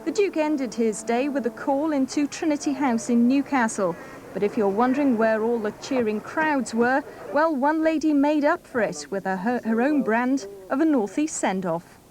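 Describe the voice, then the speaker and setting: A woman TV news reporter reading a scripted report in a measured, even way, heard from a worn VHS tape copy. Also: high-pitched. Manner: measured, even newsreader delivery. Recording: hissy worn videotape copy.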